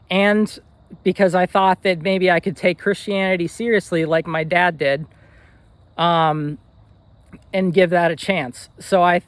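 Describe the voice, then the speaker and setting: A man's voice: sits high, smooth, no echo. A young man in his twenties telling a personal story in an earnest, rambling way, with fillers and restarts. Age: 20s. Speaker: vlogger.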